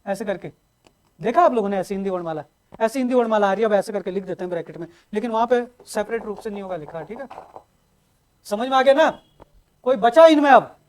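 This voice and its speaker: A man teaching a Hindi grammar lesson at a coaching class, asking the class questions, answering them himself and repeating sounds slowly for emphasis. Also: very high-pitched. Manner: drawn-out emphatic repetition of sounds.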